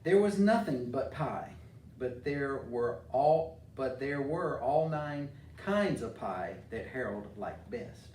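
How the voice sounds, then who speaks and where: A middle-aged American man, a mayor acting as community leader and storybook reader, talks informally to children and reads aloud. He's expressive and slow, at medium pitch with a darkish tone. The recording carries roomy echo, faint noise and a distant mic.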